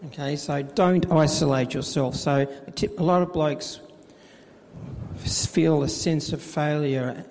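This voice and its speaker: A middle-aged man tells his story of faith in a halting way, with many fillers and restarts, recorded in a church with a long reverb. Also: on the high side, gravelly, darkish tone. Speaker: church volunteer administrator. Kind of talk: personal faith testimony in interview.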